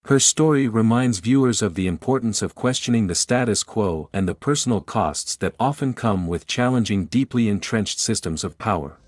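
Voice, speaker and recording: A man's voice: on the low side, animated, normal speed, few pauses, no room sound. A man hosting a video and reading scripted narration.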